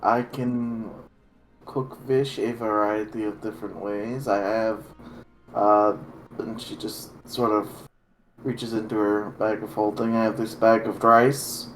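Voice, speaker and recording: A man's voice: lowish voice, little pitch movement, takes it slowly, faint music behind, rough recording. A man playing a tabletop game, speaking hesitantly. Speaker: player. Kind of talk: tabletop role-play.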